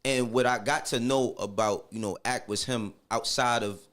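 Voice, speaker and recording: A steady, fairly bright medium-pitched voice at moderate pace belongs to this middle-aged podcast guest from Harlem, New York. His New York accent comes through as he talks candidly and casually, with slangy emphasis and frequent checks that the listener follows.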